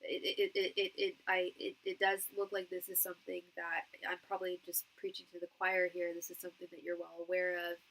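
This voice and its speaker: A woman with a nasal voice giving a live tarot reading to one client, halting and repeating words as she searches for them. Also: on the low side, monotone, fairly bright tone, poor audio. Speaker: tarot reader and psychic medium.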